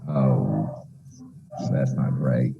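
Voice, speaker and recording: A man's voice: extremely low pitch, extremely slow, creaky, noisy background. A man playing a tabletop role-playing game, chatting casually and partly in character. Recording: slightly dull, lo-fi sound.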